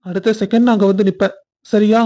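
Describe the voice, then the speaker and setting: A woman's voice: mid-range voice, steady tone, fast, mellow, lo-fi sound, natural voice. A woman voicing a caring young man in a family cartoon, earnest and reassuring. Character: young man, caring groom and protective brother figure. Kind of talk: cartoon voice acting.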